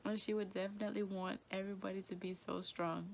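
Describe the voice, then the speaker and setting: A young woman talking in a halting, quiet way, tearful and grieving, often repeating herself. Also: mid-range voice, level tone, slight background noise. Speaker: vlogger. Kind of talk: emotional personal vlog.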